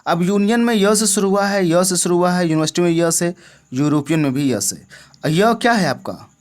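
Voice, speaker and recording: A man with a slightly high voice teaches a grammar lesson. He keeps asking the viewer questions and checking that they follow. His delivery is patient and repetitive, the way a classroom explanation sounds. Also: moderate pace.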